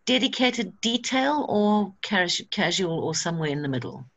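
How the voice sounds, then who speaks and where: A woman's voice: mid-range voice, very animated, normal speed, a bit bright. A woman leading an online workshop, encouraging and practical in tone. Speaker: workshop facilitator. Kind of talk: guiding an online seed-saving workshop.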